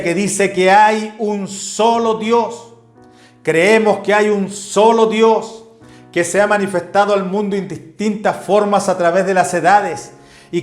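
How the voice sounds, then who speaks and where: A man delivers a teaching sermon, working steadily through doctrine and Bible references. His voice sits high for a man. The room sounds roomy, with soft music underneath. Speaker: pastor. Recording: echoey room with faint music.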